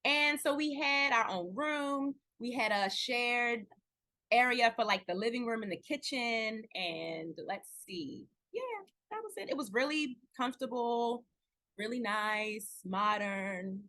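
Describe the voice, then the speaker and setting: A middle-aged woman actor, a podcast guest, telling stories in a relaxed, chatty way. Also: on the high side, unhurried. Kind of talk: casual interview chat.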